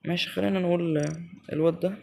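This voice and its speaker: A man with an Egyptian Arabic accent giving excitable live commentary as he plays a game, talking straight to his viewers. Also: high-pitched, rapid-fire, gravelly, a little hiss or hum. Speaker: gaming channel host.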